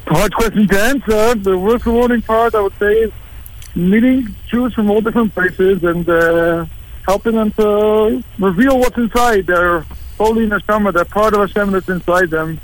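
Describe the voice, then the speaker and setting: A man from England, a rabbi, speaking as a guest in a live radio interview, relaxed and plain-spoken, sometimes halting. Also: sits high, a little hiss or hum, poor audio. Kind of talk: interview by phone, live remote.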